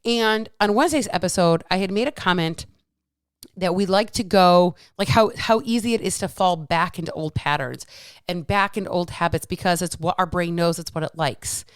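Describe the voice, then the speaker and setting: A woman's voice: on the low side, moderate pace, clean tone, no echo. A woman around forty talking casually and candidly on her own, swearing and repeating phrases for emphasis, her speech slightly altered by the dental retainers she is wearing. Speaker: podcast host, health coach. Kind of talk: casual solo monologue telling a story with lessons.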